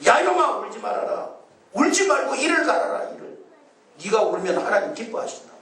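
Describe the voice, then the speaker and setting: A man voicing a gruff devil who scolds and taunts the souls in hell. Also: very high-pitched, very animated, fairly quick, a bit bright, voice pushed up, heavily acted. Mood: taunting. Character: bellowing devil scolding the damned. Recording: echoey church hall, mic at a distance.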